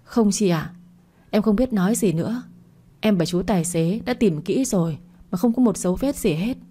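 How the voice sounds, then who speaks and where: Tearful worried young woman, pleading, soft and mellow woman reading. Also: mid-range voice, expressive, moderate pace, slightly rough. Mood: distraught. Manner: anxious, pleading.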